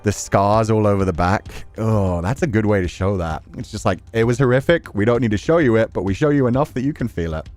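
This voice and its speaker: A streamer plays a visual novel, reading its text aloud and reacting candidly as he goes, swearing freely in his casual commentary. His lowish, darkish voice moves a little fast with hardly any pauses, and faint music plays behind him.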